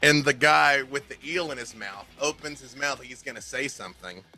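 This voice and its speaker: Creaky-voiced man running a tabletop game. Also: mid-range voice, a little fast, sharp tone, soft background music. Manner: loose, chatty narration with many fillers. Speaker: game master.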